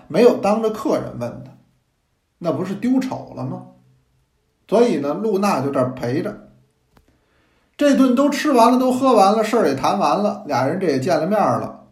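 A man, a teacher telling a historical story in a lively, playful storyteller's manner. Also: on the high side. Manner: lively, animated, playful asides to listeners. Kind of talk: storytelling in traditional narration style. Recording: echoey room.

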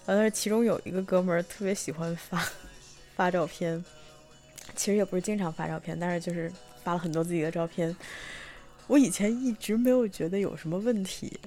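Young woman telling a story, mellow voice. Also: fairly low pitch, fairly quick, soft background music. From Tianjin, China. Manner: chatty, lots of fillers and restarts, bursts of excitement. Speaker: vlogger telling a personal story. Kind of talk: casual storytelling monologue.

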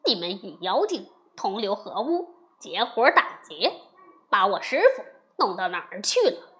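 A woman voicing a brash, hot-tempered male monkey king in a storybook tale, shouting loudly. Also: medium pitch, sing-song, unhurried. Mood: angry.

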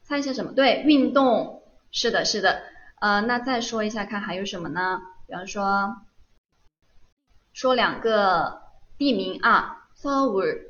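A woman's voice: medium pitch, a little slow, bright, forceful tone. A patient woman teaches an online class, often asking questions and then answering them herself. Her voice sits in the middle range, and the recording sounds slightly dull. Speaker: Korean language teacher. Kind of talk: online live lesson.

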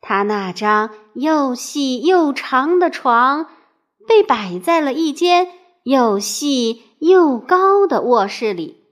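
Lively, high-voiced woman reading a storybook. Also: slow. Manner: expressive, with playful questions to the listener.

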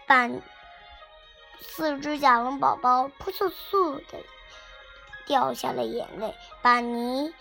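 A child reading a picture book aloud, haltingly, often repeating and correcting words. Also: high-pitched, vocal fry, sharp tone, soft background music. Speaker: storybook reader.

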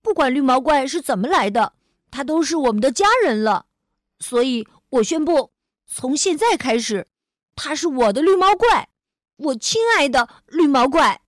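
A woman voicing a cheerful, kind little boy in a children's storybook, talking in an excited, coaxing way. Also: high-pitched, normal speed, no echo, studio quality. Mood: eager bright.

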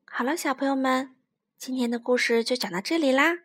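A woman storyteller narrating a children's story in an animated, sing-song way. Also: high voice, fairly quick.

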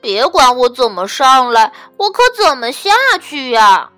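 A mischievous male elephant from a storybook, stuck and pleading but still cheeky, read aloud by a woman. The voice is high and slow-moving, with faint music playing underneath. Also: big pitch swings, a bit bright, dry recording. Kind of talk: storybook reading.

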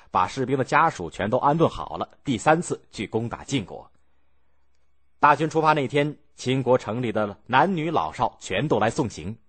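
Husky, lively male storyteller. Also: mid-range voice. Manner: animated storytelling, acting out characters' shouts and stammers. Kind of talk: scripted narration of a historical story.

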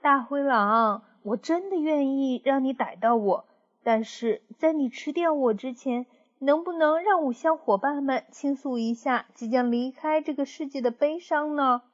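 A woman voicing a meek but clever sheep who speaks in a high, soft, pleading voice. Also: measured pace, dull audio.

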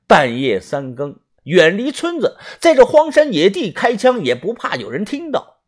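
A man narrating a suspenseful first-person audiobook, tense and dramatic in delivery. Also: breathy edge. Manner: tense, suspenseful storytelling with strong pitch swings.

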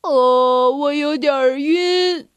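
A woman's voice: sits high, takes it slowly, no room sound. A woman voicing a boastful, cowardly, hungry male wolf in a children's storybook, blustering and whining. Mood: whiny. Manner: blustering and whiny.

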